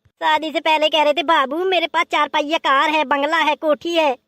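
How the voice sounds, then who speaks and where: A woman's voice: high voice, fairly even intonation, moderate pace, fairly bright tone, dry recording. A woman voicing a lazy, grumbling young bride in a comic cartoon, whiny and theatrical with wailing exclamations.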